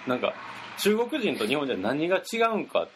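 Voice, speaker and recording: A man's voice: mid-range voice, sing-song, fairly quick, fairly bright tone, a little hiss or hum. A man quoting a talkative middle-aged male Turkish museum staffer, in a casual Kansai dialect. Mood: earnest. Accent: Kansai Japanese.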